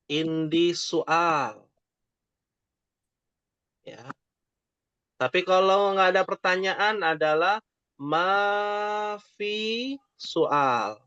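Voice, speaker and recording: Patient male teacher, slow drawn-out speech. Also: high voice, expressive, pushed and bright, clear, resonant tone, no room sound. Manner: slow, patient, drawn-out modelling of Arabic phrases. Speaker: Arabic teacher. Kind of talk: online class teaching. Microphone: online call microphone. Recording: dull lo-fi online audio.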